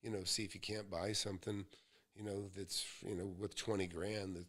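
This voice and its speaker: A man's voice: low voice, flat delivery, normal speed, fairly bright tone. A man in his sixties from the United States, hosting a live Q&A and giving real estate advice in a folksy, rambling storytelling way. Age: 60s. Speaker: real estate mentor host.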